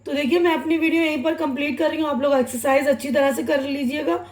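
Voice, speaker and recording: A young woman teaching an online language lesson, reading example words slowly and deliberately and often checking that her students follow. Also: high-pitched, steady tone, roomy sound. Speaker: Urdu teacher.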